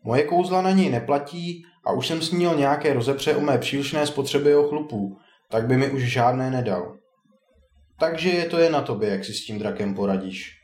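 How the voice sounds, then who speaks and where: A man's voice: medium pitch, darkish tone, lightly acted. A man doing a teasing old wizard. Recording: roomy echo.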